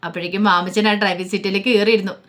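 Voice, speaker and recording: A woman's voice: medium pitch, flat delivery, rapid-fire, a bit bright. A woman narrating a daily family story in a colloquial, conversational way, stepping into the characters' lines.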